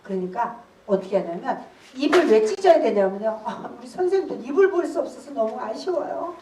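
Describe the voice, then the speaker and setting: A woman in her sixties leads a laughter therapy workshop with a high, lively voice that leaps up and down. She bursts into loud laughs and shouts to get the group going. She is heard from some distance in an echoey room. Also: fairly quick. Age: 60s. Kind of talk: workshop lecture with call-and-response. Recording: roomy hall, voice from a distance.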